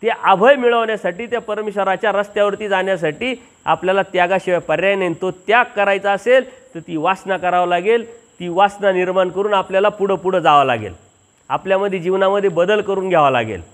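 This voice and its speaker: A man's voice: sits high, a little fast, a bit bright. A man preaching at a village satsang, telling a homely parable and acting out the voices of the people in it. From Maharashtra. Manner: acts out the dialogue of the people in his story, earnest and homely. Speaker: Mahanubhav preacher. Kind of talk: village satsang sermon with storytelling.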